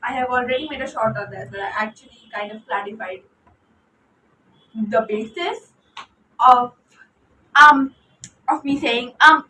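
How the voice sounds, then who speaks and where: A young woman with an Indian accent chats loosely and excitedly about a film series, often restarting her sentences. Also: high-pitched, slight background noise. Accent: Indian English. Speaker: book vlogger. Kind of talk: unscripted fan commentary. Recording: echoey room, distant mic.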